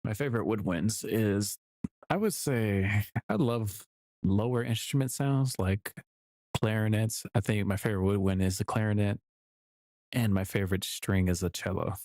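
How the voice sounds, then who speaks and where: A man's voice: fairly low pitch, moderate pace, darkish tone, no room sound. A man casually talking to himself while building music samples, rambling and correcting himself with small chuckles. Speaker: music producer streaming his work. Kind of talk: casual commentary while working.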